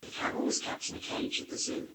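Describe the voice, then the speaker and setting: A woman reading a test sentence, processed into a hissy, toneless noise-vocoded sound like a cochlear implant simulation, played over loudspeakers. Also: a little fast. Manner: flat, toneless, no voiced pitch. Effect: noise-vocoded, hissy and whisper-like like a cochlear implant simulation. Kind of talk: single read test sentence. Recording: played over room speakers, heard from afar.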